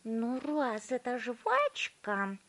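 Storybook brat voiced by a woman: shrill, stubborn, hums while chewing, high and slow, a bit off-mic. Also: sing-song, fairly bright tone, full character voice. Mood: bratty, greedy. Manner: shrill, demanding, smacking and humming while chewing. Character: spoiled bratty gum-chewing girl, loud and stubborn.

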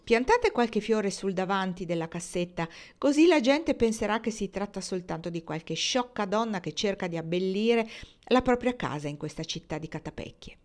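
A woman's voice: medium pitch, lively intonation, moderate pace, a little mellow, close to an everyday voice. A woman reading the lines of a shrewd, good-humoured male shopkeeper in a storybook, wry and cheerful.

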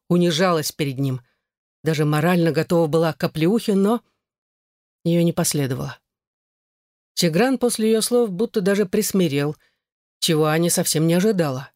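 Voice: medium pitch, darkish tone, no room sound, clean studio sound. An audiobook narrator reading a novel aloud in scripted narration.

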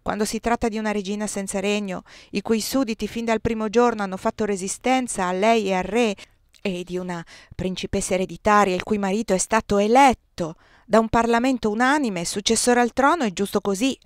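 A woman reading aloud, voicing a chatty, excitable young queen in high, animated tones. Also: no echo, studio quality, lightly acted. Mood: excited chatter. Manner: quick, animated, raised.

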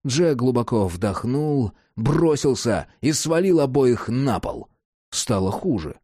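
A man narrating an audiobook with an animated, dramatic reading. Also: mid-range voice, takes it slowly, no room sound, studio quality.

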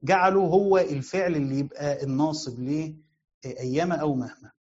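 A man's voice: on the high side, fast talker, darkish tone, highs cut off. A man with an Egyptian Arabic accent giving a lecture on Quran commentary. He asks questions and then answers them himself, and he repeats the key phrases. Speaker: sheikh teaching Quran commentary. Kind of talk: explanatory lecture.

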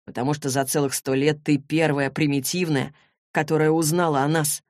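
A cool, unflappable young man, as a woman reader voices him, measured and slow in a lowish voice. The sound is dry and close-miked. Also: no room sound, lightly acted. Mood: cool, unbothered. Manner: calm, slow, slightly lowered delivery. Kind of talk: audiobook character voice.

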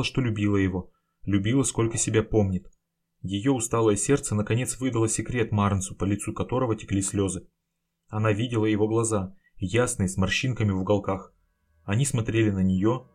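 A man narrating a novel in a calm, even storytelling manner. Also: lowish voice. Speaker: audiobook narrator. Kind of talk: scripted narration.

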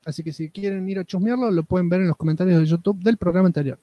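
A man's voice: high voice, quick pace, dry recording, highs cut off. A man with an Argentine accent co-hosting a casual podcast, reading listener comments and teasing with mock indignation. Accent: Argentine Spanish. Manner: joking, mock-indignant, playful.

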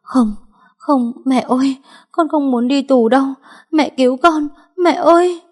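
A woman's voice: lowish voice, drawn-out words, warm tone, breathy edge, full character voice. A woman voicing a panicked thirty-year-old daughter who stammers and wails desperately in a told story. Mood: panicked pleading.

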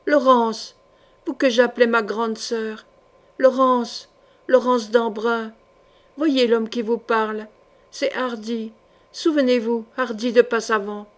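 Une femme lisant un livre audio prête sa voix à un jeune chevalier noble, fier et passionné, aux éclats pressants. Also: female voice, fairly high pitch, fairly even intonation, takes it slowly. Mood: pleading. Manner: urgent, pleading outbursts. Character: young nobleman knight, proud and passionate. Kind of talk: audiobook character reading.

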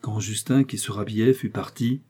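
A male reader narrates a classic novel at a steady, measured pace. His voice is mellow and dark, with a husky grain to it. The delivery is that of an audiobook reading. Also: lowish voice.

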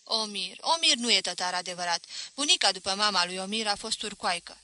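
A woman's voice: mid-range voice, animated, pushed and bright, no echo. A woman reading a novel aloud, voicing a proud, stubborn young Tatar boy hiding his pain.

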